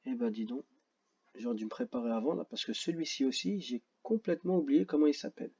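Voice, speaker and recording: A man with a French accent teaching a phonics lesson to children, slow and patient, repeating each word carefully and joking about his own memory. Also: medium pitch, animated, a little mellow, husky, highs cut off.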